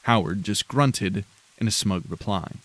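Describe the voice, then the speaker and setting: A man with a fairly low voice narrates a dark fantasy story in a measured, grave manner. His reading is scripted and steady, and he lets the descriptions settle as he goes. It sounds like a polished audiobook performance. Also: husky.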